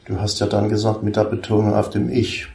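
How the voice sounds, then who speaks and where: A man's voice: lowish voice, monotone, brisk, gravelly, darkish tone. A man as a student in a spiritual dialogue, thoughtfully asking questions and checking his understanding. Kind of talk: spiritual dialogue on self-inquiry. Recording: roomy echo.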